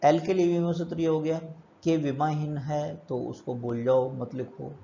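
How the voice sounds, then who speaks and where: A man's voice: a little high, level tone, normal speed, creaky, warm tone, lo-fi sound, a little hiss or hum. A male physics teacher giving a step-by-step lecture, asking and answering his own questions as he works through problems. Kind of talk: classroom lecture.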